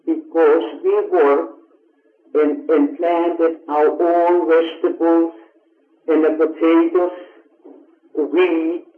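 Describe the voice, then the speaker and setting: A woman in her seventies from Finland, a native Finnish speaker, recalls her childhood in an oral history interview, speaking slowly and pausing to search for words. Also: deep voice, level tone, soft background music. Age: 70s. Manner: slow and reflective, pauses to search for words. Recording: tinny, echoey old tape recording.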